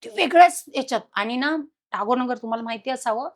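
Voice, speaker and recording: Animated woman telling a ghost story. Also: sits high, fast, creaky. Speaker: podcast guest. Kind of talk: recounting a personal haunting story.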